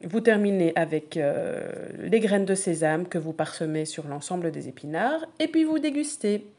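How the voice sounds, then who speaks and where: Chatty woman with a low voice. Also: animated, moderate pace, warm tone. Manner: chatty, many hesitant fillers. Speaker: food blogger. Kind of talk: casual recipe podcast.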